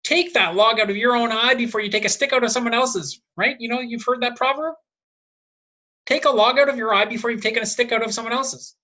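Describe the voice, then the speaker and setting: A woman's voice: fairly high pitch, brisk, pushed and bright. A woman hosting a solo video monologue, speaking emphatically, repeating her points and answering her own rhetorical questions. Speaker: numerology video host.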